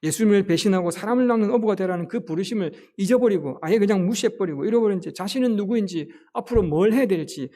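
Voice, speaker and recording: A male pastor delivers an earnest sermon and keeps asking the congregation rhetorical questions. His voice sits high for a man, with a gravelly edge and a dark, mellow tone. He talks fast.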